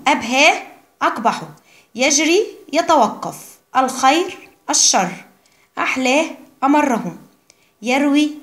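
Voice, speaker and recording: A woman teacher gives an Arabic lesson for young pupils, reading word lists slowly and carefully. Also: high voice. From Egypt. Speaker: primary school Arabic teacher. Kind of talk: recorded classroom lesson.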